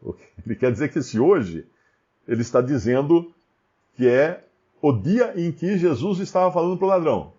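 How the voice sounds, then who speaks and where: Male Bible commentator, lively swooping delivery, mellow tone, dull lo-fi recording. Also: fairly high pitch, normal speed. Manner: animated, many rhetorical questions.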